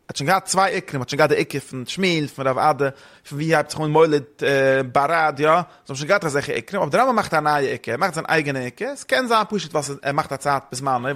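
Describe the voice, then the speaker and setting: A man talks through a text in a quick, rambling way, jumping between languages as he explains. His voice sits a little high and he races along. It sounds like an informal study session. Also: lively intonation, a bit bright. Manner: rambling, fast, mixes German with Hebrew and English terms. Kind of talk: casual study discussion.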